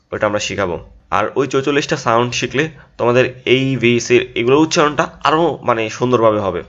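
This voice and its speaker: A man teaching an English pronunciation lesson in a casual classroom way. He drills each word aloud and keeps adding a quick "yes". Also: mid-range voice, a bit bright. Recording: dull lo-fi recording.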